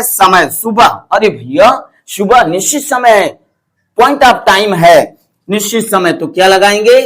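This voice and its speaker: A high-pitched man teaches an English grammar lesson. He keeps quizzing his class, repeating each question and then answering it himself in a coaxing, animated way.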